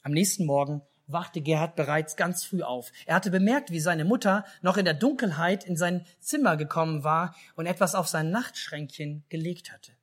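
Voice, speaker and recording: A man with a German accent telling a children's Christmas story in a church service, speaking lively and asking the children questions. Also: fairly high pitch, moderate pace, hardly any pauses. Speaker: pastor.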